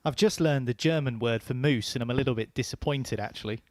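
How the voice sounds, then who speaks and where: A man's voice: medium pitch, fast talker, darkish tone. A man giving conversational live commentary on a darts match, with noise and clicks behind him.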